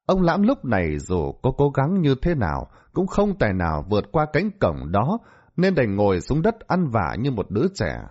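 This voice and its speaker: Dramatic male storyteller, lo-fi. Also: lowish voice. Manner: dramatic, expressive. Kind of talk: scripted story narration. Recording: dull lo-fi audio.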